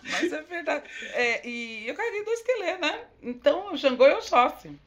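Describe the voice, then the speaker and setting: A woman, a guest in a casual interview, expressive and laughing often. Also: high-pitched, normal speed, background noise. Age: 40s. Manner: expressive, laughs often, emotional near the end. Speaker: guest, candomblé priestess.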